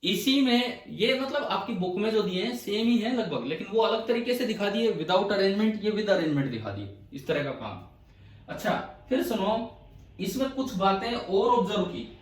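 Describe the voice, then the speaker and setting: A male physics teacher lectures his class step by step, firing questions at the students in a high-pitched voice with big pitch swings at normal speed. The sound is echoey and distant.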